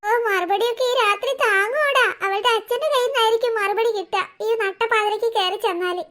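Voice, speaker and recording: A woman's voice: extremely high pitch, brisk, fairly bright tone. A woman voicing a timid young man in a cartoon who is scared of ghosts, nervous and whiny.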